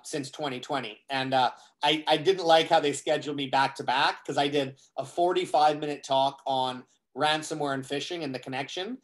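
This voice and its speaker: A man with a slightly high voice tells long anecdotes in relaxed conversation. He slips in quoted dialogue as he goes and leans on ums and uhs between thoughts. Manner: storytelling, acts out quoted dialogue with many fillers. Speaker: guest speaker on cybersecurity. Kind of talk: casual conversation on a live show.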